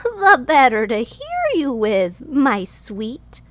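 A woman's voice: high-pitched, wildly swooping pitch, slow, no room sound, voice pushed up, exaggerated voice. A woman voicing a wicked male wolf in disguise, coaxing and sweetly sinister.

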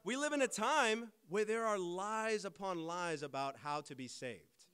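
A male preacher delivers a sermon in a high, smooth and resonant voice. He talks with emphasis and keeps putting pointed rhetorical questions to his listeners. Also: expressive, a little slow, sharp tone.

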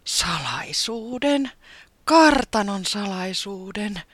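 A storyteller voicing an excitable festive bird who gets eager and stammers when startled. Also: medium pitch, no echo, voice pushed up.

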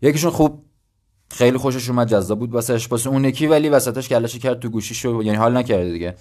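A man's voice: medium pitch, a little mellow. A man in his twenties from Iran hosting his own podcast, explaining ideas in a conversational, thinking-aloud way with self-deprecating asides. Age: 20s. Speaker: podcast host. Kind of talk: casual solo podcast talk.

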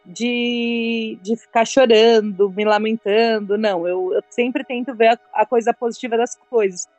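A woman, giving a reflective personal testimony in an interview in a measured way. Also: on the high side, a little mellow, no room sound, lo-fi sound.

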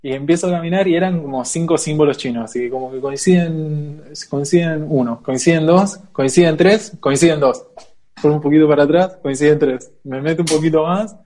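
A young Argentine man with a Rioplatense accent, casually telling a lively travel anecdote, laughing often and acting out the people in his story. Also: on the high side, brisk, hardly any pauses. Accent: Rioplatense Argentine Spanish. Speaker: guest storyteller.

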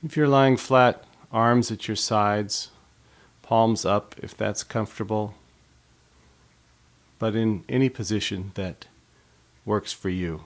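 Leading a body scan meditation, the man speaks on the low side, offering gentle, measured instructions with pauses between each phrase.

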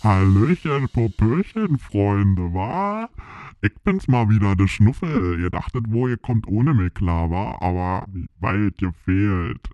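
A man's voice: lowish voice, lively intonation, slow, a little mellow, dry recording. A man voicing Schnuffel, a cheeky male show mascot, with a Berlin accent and a brash, drawling, teasing manner. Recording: dull, lo-fi sound.

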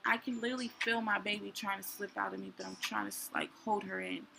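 Gravelly-voiced woman telling a personal story. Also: medium pitch, fairly even intonation, quick pace, music in the background, rough recording. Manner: candid, rambling, many fillers. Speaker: podcast host.

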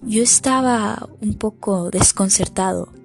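A woman giving a measured, scripted audiobook narration. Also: medium pitch, gravelly, darkish tone, faint music behind.

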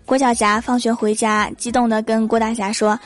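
Comedy host: young woman, fairly high voice, punchy delivery, soft music underneath. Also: normal speed. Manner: lively, punchy, joking. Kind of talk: comedic storytelling monologue.

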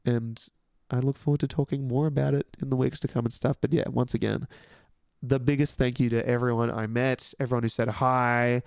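A young Australian man hosting a podcast, chatting in a rambling, excitable way and swearing casually. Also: mid-range voice, brisk, vocal fry, clear, resonant tone, dry recording, studio quality. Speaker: podcast host. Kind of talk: casual solo podcast chat.

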